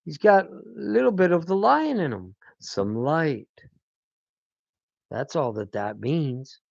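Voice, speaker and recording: His voice is a little high and creaky, with no room sound in a dull, dry, lo-fi recording. The man, a channel host and self-styled teacher, rambles through spiritual musings and keeps asking his audience "hmm?"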